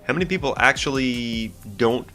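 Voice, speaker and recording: Speaking at a moderate pace in a medium-pitched, bright, forceful voice, a young YouTuber with a stuffed-up nose rambles about a video game over soft background music. He commentates his gameplay in a casual rant, stumbling through fillers and restarts.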